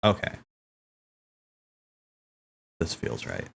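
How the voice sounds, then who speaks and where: Streaming casual commentary over game cutscenes, this man rambles and thinks aloud, halting and repeating himself. His tone is fairly bright.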